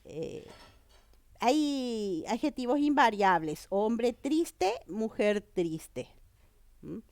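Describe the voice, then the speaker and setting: A woman's voice: a little high, sing-song, extremely slow, a little mellow, dry recording. Female teacher with a cold, patient explainer, close dry mic. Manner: explanatory, checks understanding with "¿verdad?" and "¿mm?". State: has a cold. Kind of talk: online grammar lesson.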